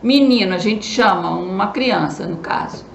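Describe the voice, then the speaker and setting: Gravelly Brazilian teacher, roomy lo-fi sound. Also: female voice, medium pitch, a little hiss or hum. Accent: Brazilian Southeast. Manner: explains slowly, checks in with "né?". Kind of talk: remote lesson for children.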